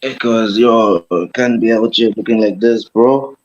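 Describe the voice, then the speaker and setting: A man's voice: fairly low pitch, fairly even intonation, measured pace. A man chatting casually as co-host of a stream, heard through his phone's microphone. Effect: heard through a phone mic. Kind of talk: casual chat. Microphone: phone mic. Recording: dull lo-fi phone mic.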